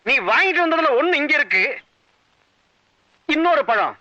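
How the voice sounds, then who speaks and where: An actor playing a mild village trader who calmly coaxes and reasons in a 1980s Tamil film comedy. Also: male voice, extremely high pitch, moderate pace, dry recording, lo-fi sound, exaggerated voice. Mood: coaxing.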